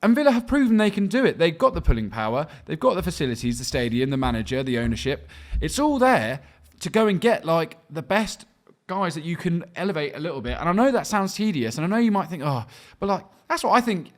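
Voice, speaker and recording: Animated ranting young Englishman. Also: a little high. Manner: ranting, animated, quick asides. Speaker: podcast co-host. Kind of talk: football debate chat.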